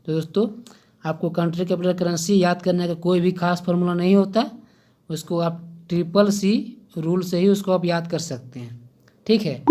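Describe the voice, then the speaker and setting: A man's voice: high voice, a little mellow. A man giving a casual exam-prep lesson, chatty and a little hesitant, often checking in with "okay?" and addressing listeners as friends. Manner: pauses and hesitates, loses his place. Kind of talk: casual general-knowledge lesson.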